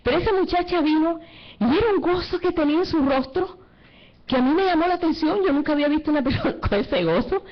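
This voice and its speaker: A woman's voice: high voice, lively intonation, quick pace, highs cut off. A middle-aged woman preacher giving an emotional testimony in a sermon, acting out the voices of the people she quotes.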